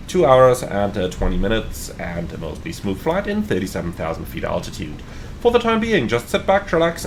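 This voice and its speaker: Guy doing pilot radio readback, lowish voice, clipped numbers n procedure talk, bit of rumble behind. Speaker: airline pilot, captain in a flight simulation. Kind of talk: flight simulator commentary with pilot radio readbacks and cockpit callouts. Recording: rumbling background noise.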